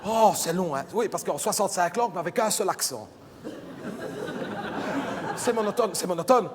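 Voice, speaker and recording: In a live hall with reverb and audience noise from a loud crowd, a man with a high voice and lively intonation plays a chatty, gossipy middle-aged mother. Speaking at normal speed, he rambles through a stand-up character monologue driven by punchlines.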